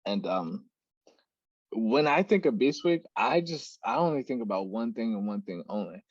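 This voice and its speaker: A man's voice: lowish voice, moderate pace, slightly rough, dry recording, muffled recording. A young man hosting a podcast, telling stories in casual chat and acting out what others said. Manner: animated storyteller who acts out quoted shouts and laughs mid-story. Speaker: podcast host.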